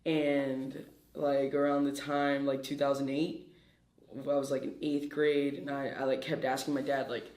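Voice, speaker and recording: A man's voice: medium pitch, level tone, measured pace, darkish tone. A man in his twenties from Peru, a guest in a casual interview, talking in a hyper, brash way and swearing freely. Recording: echoey room.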